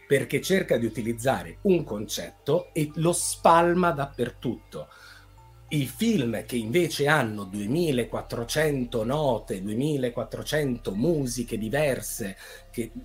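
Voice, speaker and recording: A man who composes film music, explaining in a relaxed conversational way and illustrating points with examples and a hummed melody. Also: mid-range voice. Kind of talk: casual explanatory chat.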